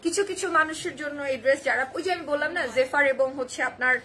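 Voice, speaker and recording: A young woman with a Bangladeshi Bengali accent and a hoarse voice, chatting on a live-stream sales pitch and reading viewer comments aloud and answering them. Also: racing, sharp tone. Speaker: online boutique live seller.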